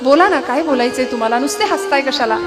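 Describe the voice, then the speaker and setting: An impatient, suspicious prince, played by a woman storyteller who presses for answers with demanding questions. The voice is high and insistent, and devotional music plays behind it. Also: expressive, quick pace.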